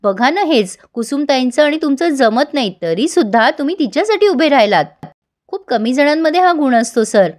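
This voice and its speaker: A woman voicing an earnest, admiring young wife in a serial recap, speaking sincerely and gently persuasively. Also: high-pitched, expressive, normal speed.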